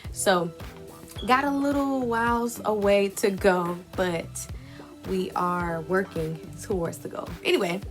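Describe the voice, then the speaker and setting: A woman's voice: mid-range voice, steady tone, slow pace, faint music behind. A woman vlogger chatting casually and a little self-consciously as she eats between sentences. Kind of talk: casual chat while eating.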